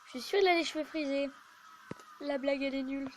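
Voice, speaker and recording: A woman's voice: sits high, steady tone, fast talker, slight background noise. A woman giving casual, rambling gameplay commentary as a YouTuber, chatty and self-mocking. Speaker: gaming YouTuber.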